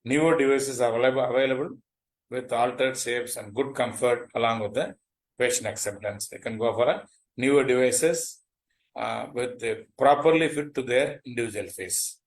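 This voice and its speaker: Halting male doctor, South Indian accent. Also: mid-range voice, poor audio. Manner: halting, repetitive, polite. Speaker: doctor giving a medical lecture. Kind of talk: webinar lecture and question answering.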